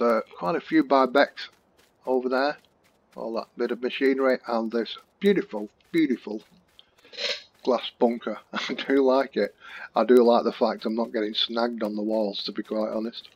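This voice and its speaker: A man's voice: mid-range voice, breathy edge, muffled recording. A man, hosting casual, jokey commentary over a farming game he is playing. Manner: chatty, jokey, relaxed. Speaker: gaming channel host.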